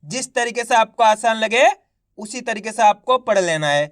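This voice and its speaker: A man teaching children to read, sounding out each syllable and then stretching the whole word slowly, with a coaxing teacher's tone. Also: sits high, expressive, fairly bright tone. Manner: coaxing teacher tone addressing viewers as friends. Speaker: Hindi reading teacher. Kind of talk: slow drawn-out reading lesson.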